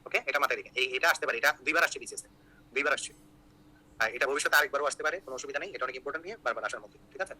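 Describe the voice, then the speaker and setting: A young man from Bangladesh, teaching an online exam-prep class in a quick, joking way and checking in with his students again and again. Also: medium pitch, pushed and bright, rough recording. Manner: rapid, joking, repeats key points with "ঠিক আছে?".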